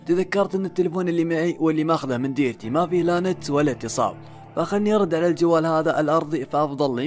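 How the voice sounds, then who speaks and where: A man narrating a first-person horror story, building suspense with dramatic pauses and questions to himself. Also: mid-range voice, darkish tone. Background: faint background music.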